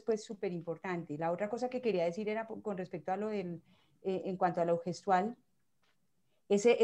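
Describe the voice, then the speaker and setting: Mellow-voiced woman host, measured and explanatory. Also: mid-range voice. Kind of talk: casual expert discussion.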